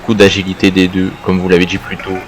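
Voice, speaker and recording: A man working as a wrestling co-commentator, adding measured remarks on the action. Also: sits low, completely flat delivery, a little hiss or hum.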